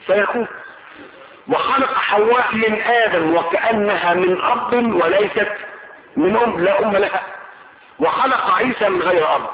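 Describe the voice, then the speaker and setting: A man preaching a Quranic exegesis sermon, measured and emphatic, repeating phrases with drawn-out stress. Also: sits high, slight background noise. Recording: echoey tinny radio broadcast.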